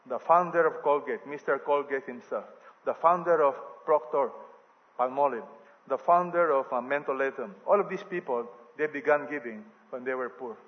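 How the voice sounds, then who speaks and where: A man with a Filipino accent preaching a sermon to a congregation, animated and rising loud on key phrases. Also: medium pitch, moderate pace. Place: large church hall. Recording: dull sound, long hall reverb.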